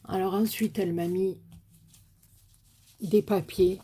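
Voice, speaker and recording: A woman's voice: medium pitch, steady tone, takes it slowly, warm tone, slight background noise. A woman with a Marseille accent chatting casually as she opens a parcel on her vlog, gushing and swearing with delight. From Marseille, France. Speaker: crafting YouTuber.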